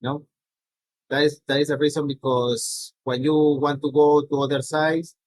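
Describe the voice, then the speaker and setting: In a low-quality clip with no echo, a middle-aged man from Peru presents slides in halting Spanish-accented speech, restarting frequently and adding "no?" tags. He is a native Spanish speaker with a Peruvian accent, and his fairly high voice barely moves in pitch.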